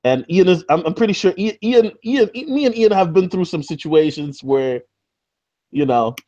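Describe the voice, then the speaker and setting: A man hosting a casual live-stream interview over a video call, his audio choppy and lo-fi from a bad connection, talking in a halting way with many fillers. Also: sits high, lively intonation, mellow, no echo. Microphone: video call from a backup laptop.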